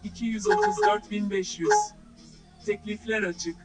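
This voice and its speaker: A brisk male auctioneer from a video game , voiced by a man, with a notably high voice. He rattles through formulaic, repeated bid calls as scripted lines, with clear music playing behind him. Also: fairly even intonation, natural voice, poor audio. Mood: brisk selling. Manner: formulaic, repetitive calling of bids.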